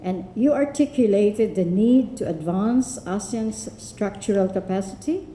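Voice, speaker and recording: A woman from the Philippines giving a formal tribute speech at a forum, with measured, deliberate delivery. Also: mid-range voice, mellow, slight background noise. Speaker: forum speaker. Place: university lecture room. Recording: echoey lecture room.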